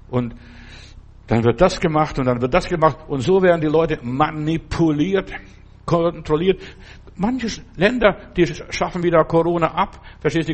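An older man giving an earnest sermon, exhorting his listeners and addressing them directly. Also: fairly high pitch. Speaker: preacher.

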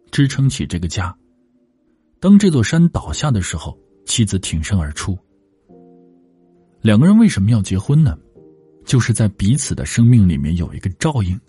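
A man tells an emotional story in a low, mellow voice that is very breathy. His delivery is lively and expressive, rising and falling with feeling. Faint music plays underneath.

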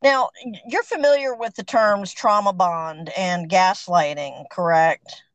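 A woman's voice: fairly low pitch, slow, dry recording, low-quality recording. Woman host, dry close sound. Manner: empathetic, relates own experience. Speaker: interview host. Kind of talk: conversational interview.

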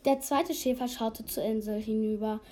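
A woman's voice: fairly high pitch, steady tone, moderate pace, mellow. A woman reading a fable aloud carefully, with small slips. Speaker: reader.

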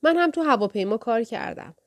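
A woman's voice: on the high side, lively intonation, dry recording, voice pushed up, close to an everyday voice. A woman voicing an anxious lovesick woman on the phone, her speech strained and forcing lightness.

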